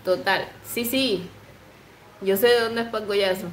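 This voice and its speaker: A woman in her twenties hosts a casual livestream, reading comments aloud, giggling often and cooing baby talk to her pet. Her mid-range voice is fairly even in intonation and slow-paced. The rough recording has an echoey room and slight background noise.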